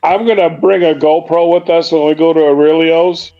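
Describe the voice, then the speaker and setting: A man's voice: on the high side, steady tone, moderate pace, gravelly, dull audio. A man joining a live stream as a guest, teasing the host and egging him on in casual chat.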